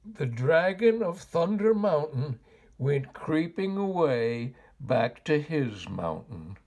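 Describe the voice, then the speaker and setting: A slightly high-voiced older man tells a children's story aloud, his phrasing theatrical, expressive, and deliberate.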